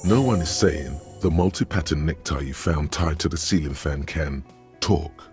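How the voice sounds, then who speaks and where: A man's voice: very deep voice, moderate pace, a little mellow, soft background music. A man voicing a brooding male inner voice that narrates a detective's thoughts, solemn and theatrical, from a video game.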